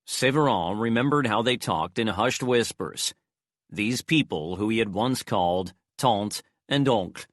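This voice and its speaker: A man reading an audiobook in a measured, even storytelling voice. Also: fairly low pitch, no echo, studio quality. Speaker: audiobook narrator. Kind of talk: scripted narration.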